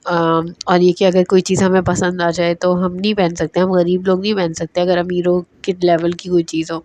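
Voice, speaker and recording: A woman's voice: on the low side, flat delivery, a little mellow, dry recording. A woman casually recapping drama episodes as a reviewer, chatty and hesitant with many fillers.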